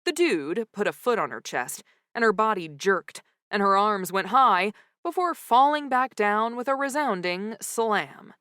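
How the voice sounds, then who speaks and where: Woman, audiobook narrator, first-person, wry, lively pitch, dry studio sound. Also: a little slow, few pauses, dry recording.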